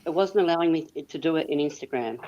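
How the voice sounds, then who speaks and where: A woman's voice: low voice, fast, muffled recording, a crowd in the background. An Australian woman joining a live-stream chat as a guest, apologetic and a bit unsure. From Sydney.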